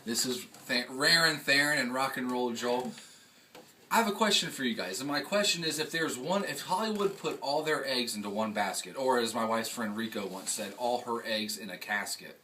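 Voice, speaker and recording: Expressive and forceful, a male host with a bright, medium-pitched voice chats at a moderate pace on his casual vlog. He comments emphatically using rhetorical questions, and the far-placed mic catches faint background noise.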